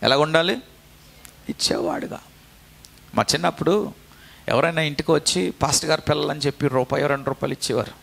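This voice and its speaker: A man's voice: on the high side, brisk, gravelly, pauses often, fairly bright tone. A man preaching a sermon as a pastor, exhorting the congregation with repeated phrases and calls for them to answer back. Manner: preaching with call-and-response to the congregation; repetitive, exhortative delivery.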